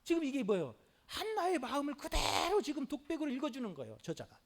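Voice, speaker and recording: Hallelujahs come often from this middle-aged male pastor, whose very high-pitched voice moves at a quick pace. His animated sermon keeps putting rhetorical questions to the congregation.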